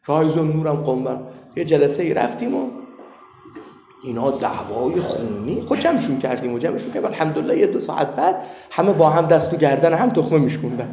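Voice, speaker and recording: A man, a cleric and seminary teacher, telling a humorous anecdote in a lively, animated way. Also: on the high side, slight background noise. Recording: echoey room.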